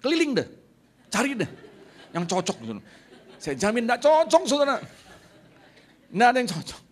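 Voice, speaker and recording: A middle-aged man, a pastor preaching a lively sermon and acting out scenes with sound effects. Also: very high voice, moderate pace.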